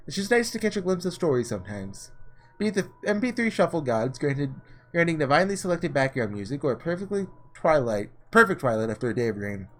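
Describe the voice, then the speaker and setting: Speaking fast and very animatedly in a slightly high voice, a man provides casual gameplay commentary on a visual novel, reading its lines aloud and thinking as he goes. Background music plays throughout.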